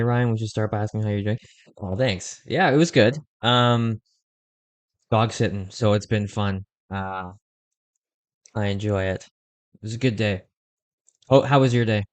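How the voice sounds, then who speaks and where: A young man hosting a fan watch-along stream, giving casual play-by-play and chat with quick excited reactions. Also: on the low side, dry recording. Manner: conversational, reacts excitedly to plays, uses fillers like "like".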